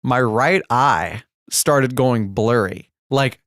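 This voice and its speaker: A man's voice: mid-range voice, slow, fairly bright tone, dry recording, studio quality. A young man co-hosting a podcast, telling a long story in a rambling, casual way, laughing often and saying "like" a lot. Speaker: podcast co-host.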